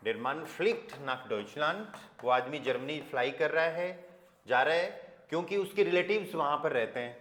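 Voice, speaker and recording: A man with an Indian accent teaching a German grammar class in Hindi, explaining slowly and mixing in English and German examples. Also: on the high side, animated, fairly bright tone. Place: classroom with students and online learners. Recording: echoey classroom.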